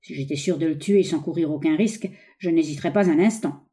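A woman's voice: sits low, mellow, natural voice. A woman voicing a sighing old miser. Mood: worried. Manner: slow, sighing, anxious murmur. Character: greedy, fearful old male miser.

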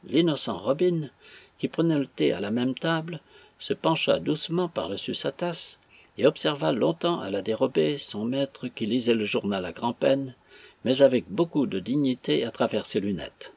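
A man narrating a story as an audiobook in an expressive storytelling manner. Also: medium pitch, normal speed, creaky, husky, dry recording.

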